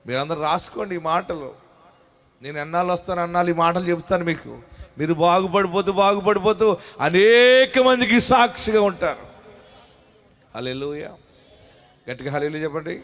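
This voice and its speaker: A pastor with a Telugu accent and a high voice preaches to his congregation, calling out to them and sharing personal stories. He shifts between loud, shouted exhortation and quiet storytelling.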